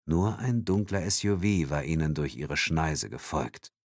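A man narrating a thriller audiobook in a dramatic, expressive reading. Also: extremely low pitch, a little slow, no room sound, studio quality.

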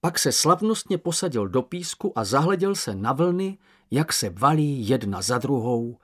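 Expressive husky male storyteller. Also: medium pitch. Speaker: narrator. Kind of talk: audiobook narration.

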